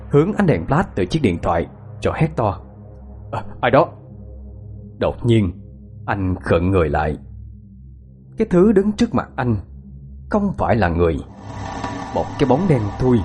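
A man's voice: lowish voice, wildly swooping pitch, normal speed, long pauses, mellow, faint music behind. A man narrating a ghost story in a dramatic, suspenseful way.

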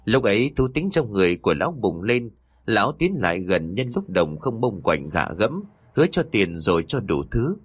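A man narrating a ghost story in an expressive, dramatic storytelling style. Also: on the low side, normal speed, husky, no room sound. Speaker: audiobook narrator.

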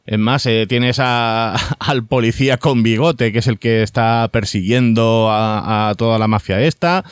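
A man talks casually on a podcast, rambling through his thoughts with fillers and restarts. His voice is smooth and resonant, at a middling pitch. The sound is dry and close. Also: fairly even intonation, a little slow, no echo. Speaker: podcast co-host. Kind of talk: casual chat about TV series.

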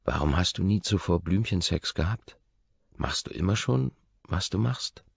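A man voicing a curious, shy young woman who asks probing questions in a gently raised voice. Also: sits low, moderate pace, gravelly, no room sound, voice pushed up. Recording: slightly dull muffled recording.

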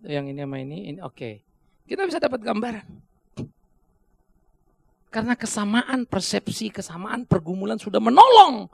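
A man's voice: high voice, vocal fry, dry recording. A man preaching a sermon as pastor, in a conversational way with joking asides and sudden emphatic bursts.

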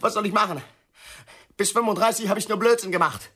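A woman's voice: mid-range voice, fairly quick, fairly bright tone, close to an everyday voice. An actress playing an overwrought, self-pitying woman who sees herself as the clown among her friends, ranting theatrically in a radio drama.

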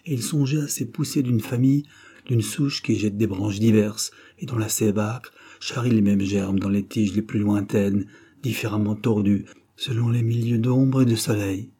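A man narrating a novel in a dramatic, expressive reading. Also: lowish voice, normal speed, slightly rough. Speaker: audiobook narrator. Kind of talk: scripted literary narration.

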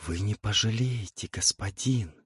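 A man's voice: lowish voice, measured pace, slightly rough, no echo, studio quality. A man voicing young concubines who whisper coaxingly, in an audiobook.

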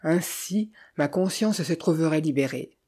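Mellow, husky audiobook narrator. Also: medium pitch. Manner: measured, steady storytelling. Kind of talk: scripted first-person narration.

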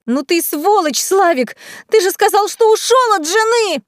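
A woman voicing a fiery, sharp-tongued young woman who snaps and shrieks at the men around her. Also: on the low side, steady tone, fairly quick, no room sound, studio quality, pitched below the performer's own voice, lightly acted. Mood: furious. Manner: snapping, shrieking.

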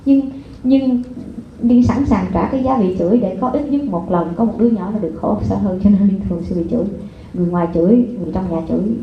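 A woman gives a seminar to a live audience. She keeps asking the listeners rhetorical questions. Her voice sits at a middle pitch and carries a strong hall echo through a thin, phone-like recording with faint noise. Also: fast talker, vocal fry. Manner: lively, addresses the audience with repeated rhetorical questions. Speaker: parenting seminar speaker. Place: lecture hall before an audience.

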